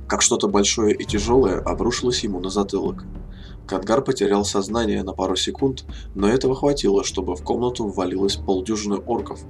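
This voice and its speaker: A man reading a fantasy novel aloud as narrator, in a steady, measured way. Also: lowish voice. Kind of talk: audiobook narration. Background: faint music.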